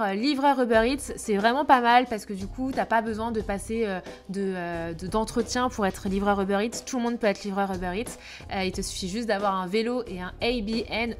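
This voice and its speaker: A young woman giving casual travel tips in a chatty way, with frequent hesitations. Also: medium pitch. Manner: chatty, many filler hesitations. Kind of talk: casual chat to camera.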